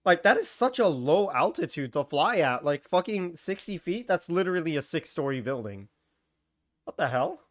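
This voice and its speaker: A man streaming a game, talking in a casual, animated way and often swearing and getting flustered. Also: on the high side, moderate pace. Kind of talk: casual gameplay commentary.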